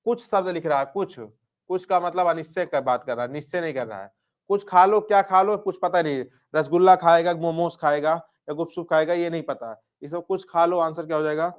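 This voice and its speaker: A man's voice: a little high, a little fast. A male Hindi grammar teacher working through exam questions, repeating each answer and asking and then answering his own questions. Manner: repeats answers, asks "क्या?" and answers himself; calls students affectionate nicknames.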